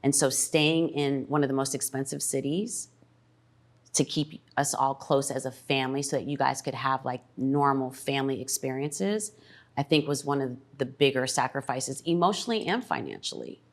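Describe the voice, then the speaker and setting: Deep-voiced reflective middle-aged woman. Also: expressive. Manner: reflective, pauses with ums. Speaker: mother, podcast guest. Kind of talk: emotional family conversation.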